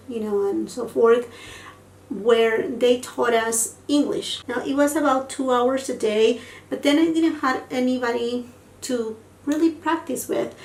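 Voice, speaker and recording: A Peruvian beauty vlogger whose first language is Spanish chats through a casual makeup tutorial. Her voice is on the high side with vocal fry, and she's effusive, using lots of fillers like "you know." The sound is roomy, with the mic at a distance and faint noise.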